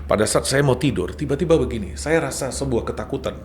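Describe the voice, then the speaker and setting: A middle-aged man, a guest sharing his conversion testimony, speaks in a mid-range voice that is a little mellow, talking fast with lively intonation. He tells his personal faith story earnestly and from the heart, slipping in a few English words. A slight hiss or hum sits under the recording.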